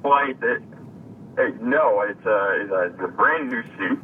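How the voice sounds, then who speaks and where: A man from Connecticut calling in over the phone, talking in a halting, deadpan way with lots of fillers. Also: mid-range voice. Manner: hesitant, halting with many fillers, dry deadpan humor. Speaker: caller. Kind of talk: casual call-in chat. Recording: tinny distant phone line with faint hiss.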